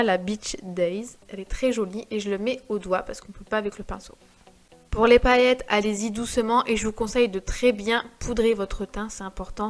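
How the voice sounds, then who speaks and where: A young woman narrating her makeup tutorial step by step, calm and explanatory. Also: medium pitch. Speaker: beauty vlogger.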